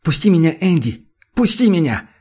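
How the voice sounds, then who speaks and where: Brief: narrator doing a desperate young man, high husky cries, storybook drama. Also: very animated, normal speed. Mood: shouting. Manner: pleading, shouting in panic.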